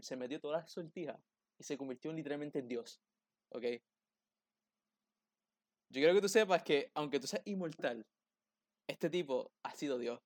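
A man's voice: medium pitch, no room sound, clean studio sound. A young man with a Puerto Rican accent making his case in casual, slangy Spanish peppered with English. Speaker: debater on a fan panel show. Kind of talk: casual bilingual debate.

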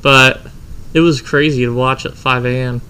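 Bright-voiced, profane storytelling man. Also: medium pitch, fairly even intonation, normal speed, slight background noise. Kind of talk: casual storytelling chat.

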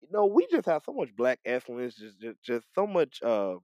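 A man's voice: medium pitch, huge pitch swings, moderate pace, warm tone, no room sound. A man co-hosting a podcast in casual chat, talking animatedly with frequent stumbles, restarts and repeated words. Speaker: podcast co-host. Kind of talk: casual wrestling talk.

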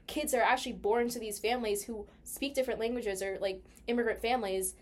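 A young American woman talks fast in a fairly high voice during a casual personal conversation. She's chatty and animated as she tells stories, using "like" heavily.

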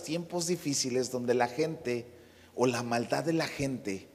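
A man's voice: medium pitch, darkish tone, breathy edge. A middle-aged man, preaching a conversational sermon with storytelling and humorous asides. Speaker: pastor. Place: church. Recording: long hall reverb.

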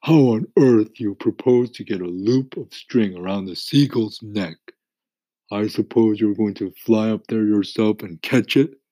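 A man's voice: lowish voice, unhurried, mellow, no room sound, voice pushed up. A man voicing a grumpy, fussy male earthworm in a storybook reading, indignant and huffy.

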